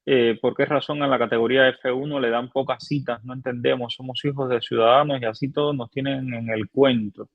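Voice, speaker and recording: A man's voice: medium pitch, fairly even intonation, a little fast, hardly any pauses, no echo, phone-quality sound. A male host interviewing a guest and reading out viewer questions, hesitant with fillers as he starts each question.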